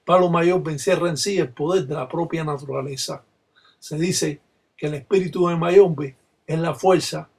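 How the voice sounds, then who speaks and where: A man, a Palo Mayombe practitioner, explaining a ritual in Spanish and reciting its chants in a steady rhythmic way. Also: a little high, slightly rough. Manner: rhythmic call-and-response recitation.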